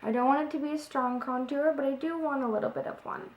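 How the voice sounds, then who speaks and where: A young woman who's a little sick talks quickly in a high-pitched voice that sounds slightly off, chatting casually with frequent ums through a makeup tutorial as a beauty vlogger. She's on a close webcam in her home kitchen by a window, indoors. The recording is muffled and echoey.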